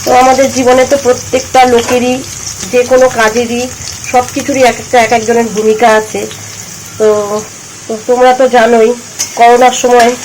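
A middle-aged woman narrating her family vlog in a chatty, rambling way, often picking up again with filler words. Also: on the high side. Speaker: family vlogger. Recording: noisy home recording with vehicle sounds.

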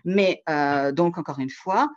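Hesitant man presenting over a video call. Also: on the high side. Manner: measured, hesitant delivery with frequent pauses. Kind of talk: online conference presentation. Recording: dull lo-fi video call audio.

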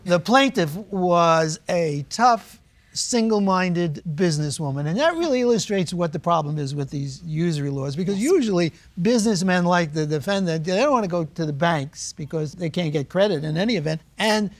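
An older man serving as a judge on a television court show, questioning a litigant and then laying out his reasoning in a measured way. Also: sits high, lively intonation. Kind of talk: courtroom deliberation. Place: TV courtroom studio.

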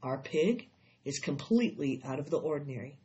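A woman voicing an earnest, shaken farmer husband from a storybook, grave, halting and folksy. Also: low voice, lively intonation, dark tone, dull audio, pitched below the performer's own voice. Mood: shaken, solemn.

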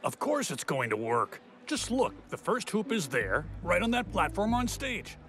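Creaky, high-pitched flustered cartoon sidekick. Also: male voice, very animated, normal speed, fairly bright tone, full character voice. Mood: reassuring. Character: eager, flustered male magician's assistant. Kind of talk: cartoon voice acting.

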